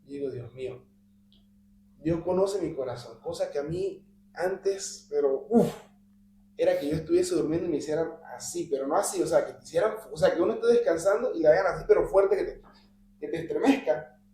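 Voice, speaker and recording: A man's voice: fairly high pitch, brisk, dark tone. Man telling a story in an echoey room. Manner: vivid storytelling that drops to a near-whisper when quoting prayers. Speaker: Bible study participant. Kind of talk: telling a personal story in conversation. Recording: echoey room with faint hum.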